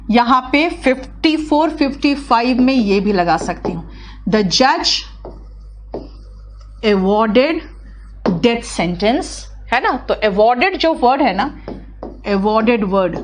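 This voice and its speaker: High-voiced Hindi-speaking woman teacher. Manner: explains in Hindi mixed with English terms, calls students beta; quick, chatty, repeats key words. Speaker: English teacher. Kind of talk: live online class.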